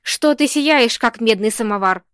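A woman reading the lines of an irritable male policeman who snaps and nearly shouts. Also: on the high side, normal speed, no room sound, clean studio sound, natural voice. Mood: angry. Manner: snapping, near shouting.

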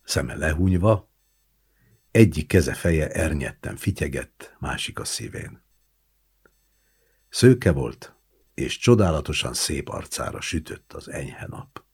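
A man reading a short story aloud as an audiobook narrator, expressive and acting out the lines. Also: very deep voice, long pauses, slightly rough. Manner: expressive, acts out the characters' lines.

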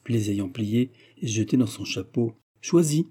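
A man reading a classic novel aloud in measured, scripted narration. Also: lowish voice, fairly even intonation, dark tone, slightly rough. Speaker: audiobook reader.

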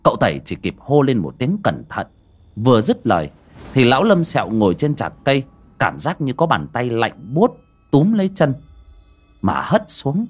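A man narrating an audio ghost story in a dramatic, lively storytelling manner. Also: mid-range voice, normal speed, husky, faint music behind.

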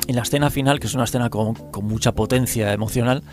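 Fast-talking man from a Spanish film podcast. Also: medium pitch, faint music behind. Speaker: podcast panellist. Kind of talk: casual film discussion.

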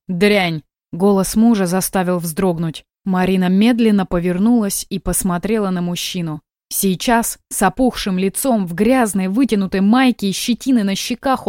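A woman's voice: mid-range voice, darkish tone, no room sound. Woman reading an audiobook, dry sound. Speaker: narrator. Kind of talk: audiobook narration.

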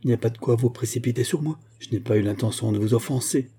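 A man voicing an insolent young shop clerk who talks sarcastically, in a husky voice. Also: medium pitch, fast talker, warm tone, lightly acted. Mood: sneering. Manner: sneering, sarcastic.

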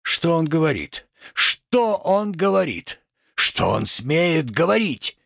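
A man's voice: mid-range voice, sing-song, gravelly, fairly bright tone, breathy edge, no echo, clean studio sound, full character voice. A man declaiming as a pompous raging tragic actor. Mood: grandiloquent. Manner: declamatory, thundering, drawn-out grand phrases. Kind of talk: reading a stage play aloud.

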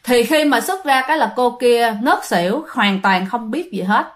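A woman's voice: a little high, normal speed. A woman telling a ghost story in a chatty way, often speaking straight to her listeners. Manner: chatty, many fillers, addresses the audience directly.

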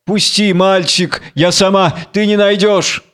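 A frail old mother cries out in a high, strained plea, voiced by a man reading a play aloud. Her words come in urgent bursts. The voice stays smooth and clear. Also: fairly even intonation, measured pace, a bit bright. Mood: fussing tender. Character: older blind mother, frail and pleading.

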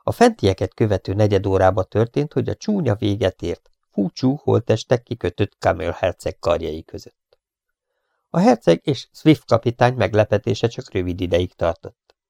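A man's voice: lowish voice, sing-song, gravelly, dark tone, no room sound, studio quality. A man narrating an audiobook in a wry storytelling manner. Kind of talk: scripted narration.

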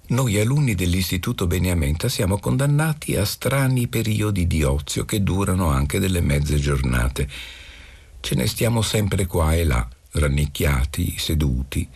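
A man reading a novel aloud in the first person, measured and expressive. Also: deep voice, gravelly, husky. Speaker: reader. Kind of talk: literary audiobook reading on radio.

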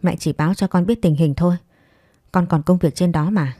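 A woman voicing a kindly, worried middle-aged mother in a read-aloud story, gentle and fussing. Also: fairly low pitch, normal speed, no room sound, clean studio sound, natural voice.

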